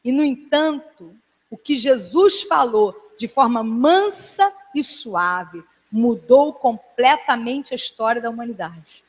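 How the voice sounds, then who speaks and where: High-voiced woman pastor preaching. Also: expressive, slow pace. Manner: earnest, emphatic preaching with softer, hushed passages. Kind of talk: sermon. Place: church hall. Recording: long church hall reverb.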